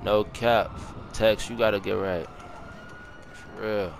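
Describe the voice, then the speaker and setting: A man's voice: lowish voice, steady tone, slow pace, vocal fry, a little hiss or hum. A young man in casual gaming voice chat, trash-talking rivals with profane mocking jibes and laughs. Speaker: gamer in online voice chat.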